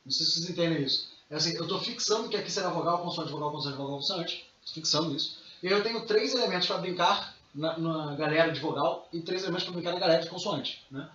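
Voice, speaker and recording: This recorded math lesson comes from a Brazilian-accented man who chats casually and addresses his students as "dear." He speaks fast with few pauses, in a slightly high, bright, forceful voice, captured in a dull, roomy, distant recording with faint noise.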